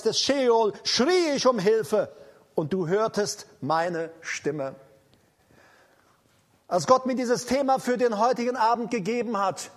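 A man preaching a charismatic sermon, proclaiming in declarative repetitions and slow, emphatic commands. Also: very high-pitched.

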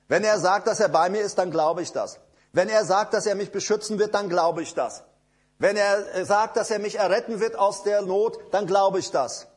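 A man with a high, husky voice preaching a sermon. He drives his points home with insistent repetition and talks straight to his listeners. He drops to low, confiding asides between loud declarations. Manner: emphatic, repetitive preaching with direct address to listeners.

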